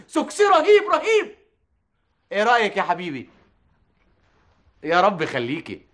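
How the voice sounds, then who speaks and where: An actor playing a brash, smooth-talking stage director with an Egyptian accent. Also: male voice, high voice, a bit bright. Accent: Egyptian Arabic. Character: flashy, scheming male stage director. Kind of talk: TV drama acting.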